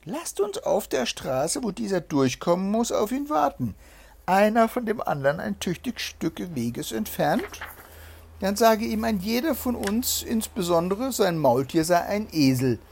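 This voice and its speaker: A reader putting on a sly high-voiced rogue. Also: big pitch swings, a little slow, creaky, darkish tone, a little hiss or hum. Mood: scheming. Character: scheming male rogue, sly and fast-plotting.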